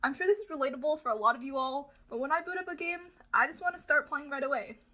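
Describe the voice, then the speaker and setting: Casting: female lecturer with a high voice, instructional and addressing listeners in prepared phrases. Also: quick pace, bright, forceful tone.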